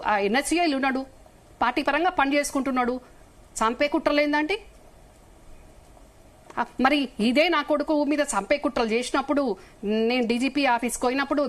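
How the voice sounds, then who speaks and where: A middle-aged woman with a Telangana Telugu accent, a guest in a heated live TV debate, firing off emphatic, accusing rhetorical questions. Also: high voice.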